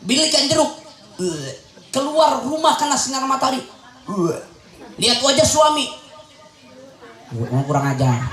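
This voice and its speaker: A young male preacher giving a humorous sermon to a crowd of mothers, teasing them and shouting his punchlines. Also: very high voice. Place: religious gathering with an audience. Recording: echoey event hall with crowd sound.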